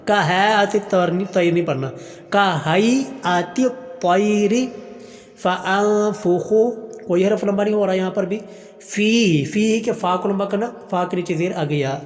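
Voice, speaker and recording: A man teaching Quran pronunciation, chanting verses slowly and melodically, then explaining each letter quickly in plain speech. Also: high voice, a little mellow, in a large hall, soft background music. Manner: slow melodic recitation alternating with quick explanation.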